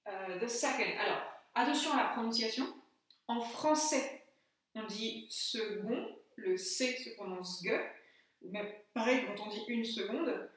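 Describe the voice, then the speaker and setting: A French-accented woman teaches a lesson in a patient, step-by-step manner, spelling out letters and saying words twice. Her voice sits fairly high. She sounds set back from the microphone in a strongly echoing room. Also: unhurried, fairly bright tone, far from the mic. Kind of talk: classroom lesson explanation. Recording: very echoey room, voice from off-mic.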